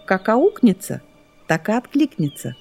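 A woman voicing a wise, unflappable owl in a storybook, speaking calmly and slowly. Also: medium pitch, vocal fry, faint music behind, voice pushed up. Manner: calm, measured, slow.

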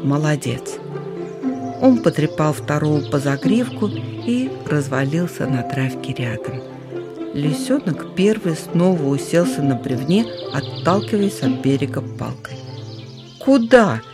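A storyteller reading a children's animal tale aloud, lively and shifting voices for characters. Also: medium pitch, measured pace, music in the background. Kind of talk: storybook narration.

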